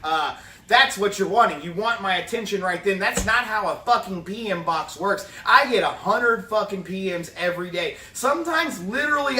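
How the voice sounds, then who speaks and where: A man delivering a profane comic rant to his audience, loud and mock-exasperated. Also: high-pitched, reverberant, distant mic, a little hiss or hum. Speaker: online seller ranting to his audience.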